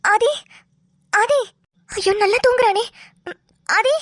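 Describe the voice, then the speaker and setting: A woman's voice: very high-pitched, slow pace, a bit bright, dry recording, clean studio sound, exaggerated voice. A woman voicing a young woman in a cartoon who takes charge in an emergency, urgent and commanding. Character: alarmed young woman, bossy in a crisis. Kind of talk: cartoon voice acting.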